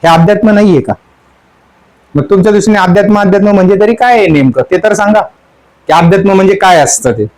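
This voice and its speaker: A man's voice: high-pitched, low-quality recording. A man, a spiritual teacher, giving a sermon that explains song lyrics. He keeps asking his listeners questions and repeats the song line again and again. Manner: asks the audience question after question.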